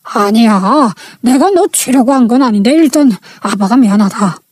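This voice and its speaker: A woman voicing a ruthless middle-aged businessman husband, speaking low and defensively in a storybook reading. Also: animated, normal speed, a little mellow, no room sound, clean studio sound.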